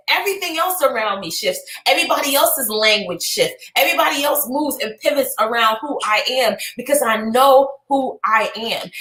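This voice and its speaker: A woman podcast co-host and business coach giving an energetic, preachy motivational talk that bursts into shouts and cheers. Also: fairly high pitch, reverberant, rough recording.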